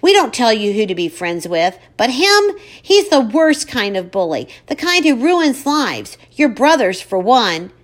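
A woman's voice: fairly high pitch, big pitch swings, a little slow, hardly any pauses. A woman voicing a stern, angry middle-aged mother who scolds her daughter sharply. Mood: scolding.

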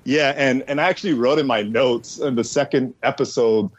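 An excitable man gushes on a podcast panel, swearing freely in loose, casual talk. His audio is slightly dull and lo-fi, and his voice sits at a middling pitch. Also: normal speed.

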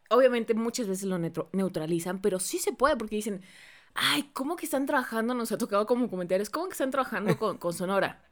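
A woman from Mexico hosting a podcast, chatty and enthusiastic with quick asides. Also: medium pitch. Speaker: podcast host. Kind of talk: casual podcast interview.

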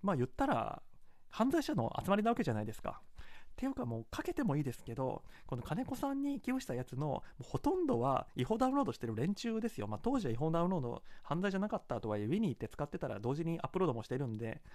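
Fast, lively speaker from Kansai. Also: medium pitch, no room sound, studio quality. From Kansai, Japan. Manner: analytical, hedging, digressive asides. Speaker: channel host reviewing a film. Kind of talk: casual solo commentary.

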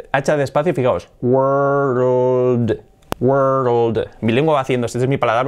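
A man teaching English pronunciation in an animated, playful way, exaggerating his demonstrations. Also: medium pitch. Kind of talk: energetic online English lesson.

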